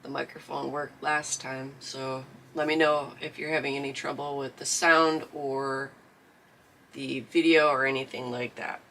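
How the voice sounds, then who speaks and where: Before a crafting lesson on his livestream, a southeastern Michigan man rambles chattily, using lots of fillers. His mid-range voice is creaky, pushed and bright, with little pitch movement and a slightly slow pace, and allergies have made it scratchy.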